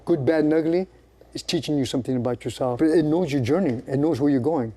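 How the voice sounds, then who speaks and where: Older man teaching martial arts, mellow voice. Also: on the high side, fast. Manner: demonstrates moves while talking, acts out quoted people. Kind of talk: casual teaching chat.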